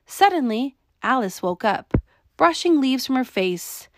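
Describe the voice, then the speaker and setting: A woman in her thirties hosting a podcast and reading a picture book aloud to children in a gentle, clear way. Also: high-pitched, very animated, measured pace, dry recording. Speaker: podcast host and reader.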